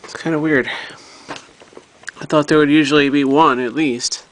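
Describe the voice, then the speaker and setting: A hobbyist vlogger at home shows a radio repair project, speaking casually and haltingly as he thinks aloud and handles the object. His voice is higher-pitched and steady in tone. The unscripted show-and-tell was recorded with a lot of noise.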